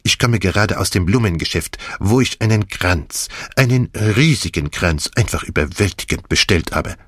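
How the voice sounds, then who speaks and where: A man's voice: low voice, lively intonation, moderate pace, a bit bright, dry recording, studio quality. A man voicing a fussy, theatrical older male detective in an audiobook, talking dramatically and dropping French phrases. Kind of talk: audiobook character voice.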